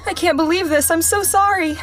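Tipsy young driver, noisy car. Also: female voice, extremely high pitch, fairly quick. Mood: apologetic, upset. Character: tipsy young woman driver, flippant then panicky. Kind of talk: acted radio public service announcement.

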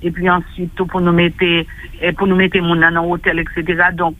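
A man with a Haitian accent, speaking on a radio talk show over a telephone line, halting and often repeating himself as he restarts. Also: high-pitched, completely flat delivery, no echo. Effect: heard over a telephone line. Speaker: guest reporting by phone. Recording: narrow tinny phone line.

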